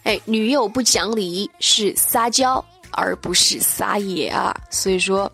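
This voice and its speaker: A woman teaching an online English lesson in a lively, chatty way, explaining in Chinese and reading English example sentences slowly and repeating them. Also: medium pitch, vocal fry, slightly rough, soft background music.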